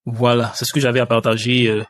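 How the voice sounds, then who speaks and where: A man's voice: mid-range voice, flat delivery, quick pace. A man teaching a language lesson over a screen-share tutorial, hesitant, with many fillers and restarts.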